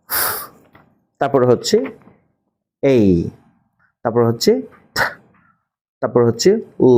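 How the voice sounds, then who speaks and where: A man with a Bangladeshi Bengali accent giving a pronunciation lesson to camera, repeating key words slowly for learners. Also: mid-range voice, dark tone. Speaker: English teacher.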